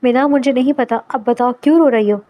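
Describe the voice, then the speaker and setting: A woman's voice: sits high, steady tone, dull audio, close to an everyday voice. Woman voicing a teasing young suitor. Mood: reassuring.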